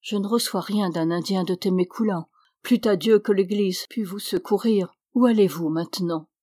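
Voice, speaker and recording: A woman's voice: mid-range voice, normal speed, warm tone, dry recording, lightly acted. A stern, outspoken old priest raises his voice in severe, indignant bursts, as a woman reads him in an audiobook. The sound is close and dry, with no room around it. He talks in a plain, everyday register. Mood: kindly.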